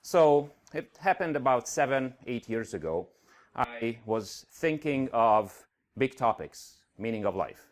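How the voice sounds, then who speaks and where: A middle-aged Hungarian man with a slight Hungarian accent gives an earnest talk on a conference stage, using frequent fillers. His mid-range voice is animated, and he takes his time.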